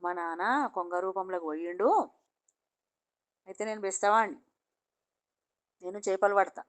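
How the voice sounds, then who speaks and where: A woman's voice: medium pitch, fairly even intonation, normal speed, smooth, close to an everyday voice. A woman voicing an angry young male fisherman with a Telangana accent, accusing and demanding. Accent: Telangana Telugu.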